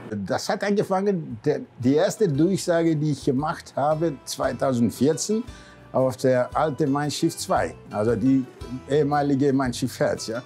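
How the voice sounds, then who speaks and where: This cruise ship captain from Greece, in his sixties, has a mid-range voice with a darkish tone. Reminiscing casually against background music, he uses loose, non-native grammar with a Greek accent and often adds brief questioning tags.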